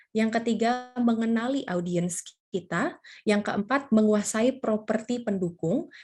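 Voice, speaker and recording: A woman's voice: medium pitch, darkish tone. A woman teaching public speaking over slides, in a casual, chatty way with many fillers. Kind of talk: slide presentation lesson.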